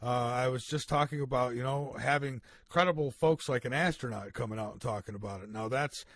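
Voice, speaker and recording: A man hosting a radio talk show, easygoing and quick with brief agreeing replies. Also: medium pitch, fairly bright tone. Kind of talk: casual radio interview.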